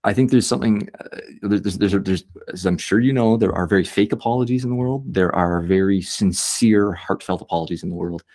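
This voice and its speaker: A man's voice: low-pitched, fairly quick, hardly any pauses, darkish tone. A man hosting an interview, speaking thoughtfully and often repeating words as he finds his phrasing. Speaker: podcast host. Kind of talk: conversational interview.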